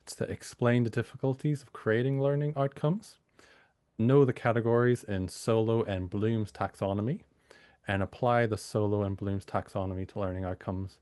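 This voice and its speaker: Low, gravelly British man teaching. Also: fairly even intonation, normal speed, a little mellow, no echo. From United Kingdom. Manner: informal, hedging with fillers. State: slightly hoarse from a cold. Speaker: university lecturer leading a training session. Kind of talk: online training talk.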